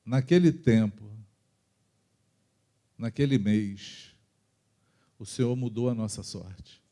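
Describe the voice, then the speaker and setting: A man with a Brazilian accent preaching a testimony in church, moving between loud and soft passages as he tells his story. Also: lowish voice, slow pace. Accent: Brazilian Portuguese. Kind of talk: sermon testimony.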